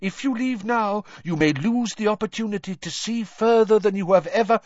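A man voicing an eccentric female seer teacher, excited and theatrical in a high voice, recorded dull and dry. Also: moderate pace, dry recording, close to an everyday voice.

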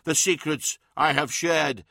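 A man's voice: on the high side, unhurried, gravelly, sharp tone, no echo, clean studio sound, heavily acted. A man voicing an all-powerful godlike emperor who speaks in grave, commanding proclamations. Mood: solemn.

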